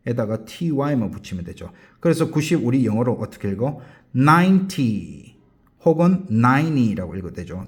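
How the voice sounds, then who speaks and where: Slow, lively-pitched male English teacher drilling. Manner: repetitive question-and-answer drilling, spells words out letter by letter slowly; calls himself teacher, prompts with quick questions. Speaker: English teacher at a language academy. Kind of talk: classroom drill lesson.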